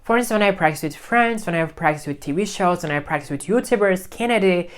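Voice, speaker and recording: Speaking English with Turkish as his first language, a man shares his learning habits in an easygoing vlog. The voice is high and clean. He circles back on every point, restating it a couple of times as he hunts for the right phrasing, never rushing and always friendly.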